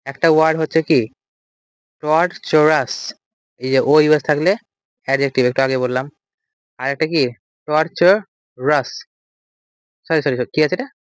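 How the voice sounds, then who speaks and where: A man's voice: a little high, steady tone, a little fast, pauses often, clean tone, no echo. A man teaching an English vocabulary lecture, explaining step by step and asking and answering his own questions. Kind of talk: recorded lecture.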